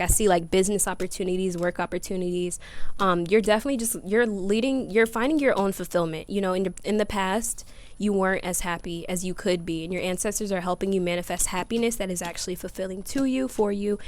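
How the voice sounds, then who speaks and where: A woman giving a casual tarot reading to camera outdoors, chatting to viewers as y'all and baby. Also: medium pitch. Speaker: tarot reader. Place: outdoors by a grassy yard.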